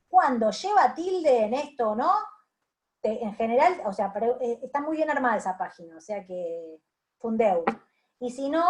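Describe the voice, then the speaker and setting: A woman's voice: fairly high pitch, darkish tone. A woman lecturer with a Rioplatense Spanish accent, giving feedback in an online class, hesitant, with many fillers and restarts. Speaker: university lecturer.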